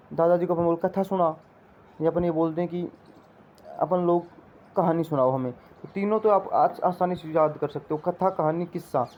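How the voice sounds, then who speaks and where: A man with a high-pitched yet darkish voice teaches an exam-preparation class, drilling points repetitively and offering memory tricks. The audio is dull and lo-fi.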